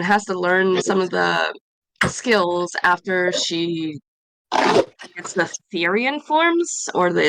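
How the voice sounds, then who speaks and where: A woman's voice: fairly low pitch, gravelly, a bit bright, no echo, rough recording. A woman recapping her character's adventures from a tabletop game session at home, rambling with many fillers and self-corrections.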